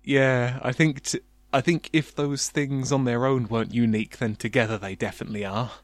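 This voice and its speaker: A man's voice: medium pitch, steady tone, a little fast, dry recording. Male comedy host, reads fan fiction with mock drama, dry close mic. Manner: mock-dramatic reading, laughs often. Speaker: podcast host reading fan fiction aloud. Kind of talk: comedic reading and banter.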